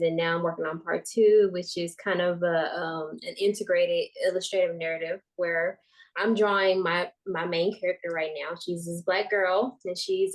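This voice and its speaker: A young woman co-hosting a podcast over a call, talking casually and rambling a little. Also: fairly low pitch. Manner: rambling, many "um" and "like" fillers. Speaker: podcast co-host.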